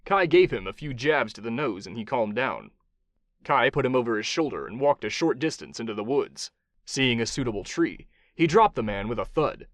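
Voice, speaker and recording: A man narrating a thriller audiobook in an expressive, dramatic storytelling style. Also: mid-range voice, normal speed, dry recording.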